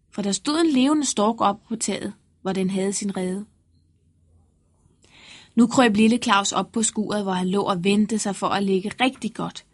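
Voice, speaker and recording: A woman's voice: mid-range voice, breathy edge. Woman reading a fairy tale aloud. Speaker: narrator.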